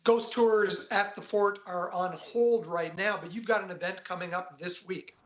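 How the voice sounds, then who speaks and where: A man's voice: high-pitched, steady tone, normal speed, slight background noise. A man hosting a broadcast interview, introducing and questioning a guest, on slightly lo-fi audio. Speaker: programme host, interviewer.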